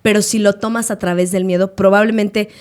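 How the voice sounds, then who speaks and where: A woman's voice: mid-range voice, a little fast. A Mexican woman in her late thirties, a podcast co-host, telling stories in a casual chat and acting out the people she quotes. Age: late 30s. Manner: animated, acts out quoted voices.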